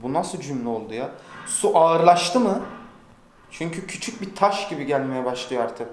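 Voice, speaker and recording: A young man vlogging casually, complaining loudly and swearing in comic exasperation. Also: a little high, animated, moderate pace. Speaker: YouTuber. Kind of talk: casual vlog chat. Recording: very echoey room.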